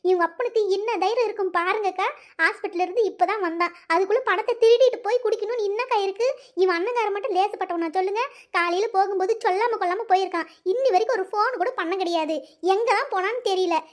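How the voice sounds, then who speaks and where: Brief: a woman as a shrill, fast-talking, complaining cartoon mother. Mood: distraught. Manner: wailing, complaining. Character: distressed village mother and neighbour women.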